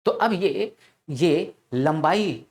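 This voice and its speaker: A man's voice: fairly high pitch, animated, drawn-out words, darkish tone. Male teacher, lecture delivery, poses questions and repeats answers, constant check-ins with the class. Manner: asks rhetorical questions, repeats answers, frequent "theek na".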